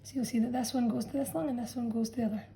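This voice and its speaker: A woman science teacher narrates revision over a drawn diagram, patiently explaining and pausing often to check in, like a friendly classroom talk. Her voice is a little high, mellow and warm, a bit creaky, with fairly even intonation. The low-quality recording carries a little hiss or hum.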